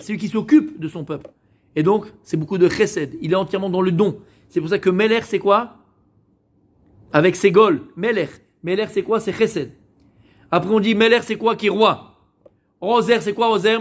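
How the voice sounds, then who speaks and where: High-voiced man teaching a Torah class. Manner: asks the class questions and answers them himself; repeats words while searching for them. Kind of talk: Torah lesson to women.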